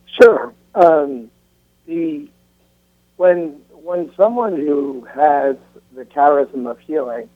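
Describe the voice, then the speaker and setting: A man's voice: a little high, lively intonation, very slow, no echo. A man who runs healing ministries, carefully explaining a spiritual practice with a few fillers. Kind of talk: explanatory talk. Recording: tinny phone line, dry.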